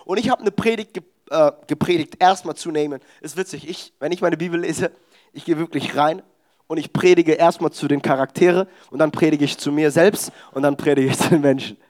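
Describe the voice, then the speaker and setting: A man's voice: fairly high pitch, fairly quick. A young man preaching a sermon, telling stories with quoted dialogue. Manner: animated, storytelling with quoted dialogue.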